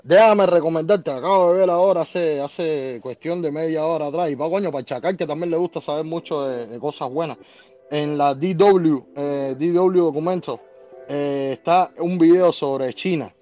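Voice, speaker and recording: A Cuban man chats excitedly in a fairly high voice, stumbling and restarting as he goes. His sound is dull and muffled, like a lo-fi line. Faint music sits behind him. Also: normal speed. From Cuba. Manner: loud, excitable, restarts words often. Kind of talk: casual live podcast chat.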